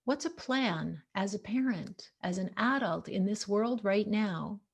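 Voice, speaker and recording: A woman's voice: mid-range voice, lively intonation, unhurried, vocal fry, slightly rough. A woman presenting an online talk to parents, speaking earnestly through a video call microphone that cuts out and makes her volume uneven. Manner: earnest, encouraging, speaks in rhetorical questions. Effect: mic cutting out, uneven volume.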